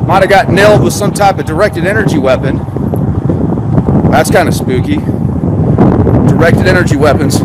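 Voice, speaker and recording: High-voiced man rambling outdoors by traffic. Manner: sarcastic, rambling, rhetorical questions. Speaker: conspiracy vlogger. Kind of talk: live-streamed outdoor vlog. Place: outdoors by a road, on foot. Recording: noisy outdoor phone audio with traffic and wind. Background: traffic and wind.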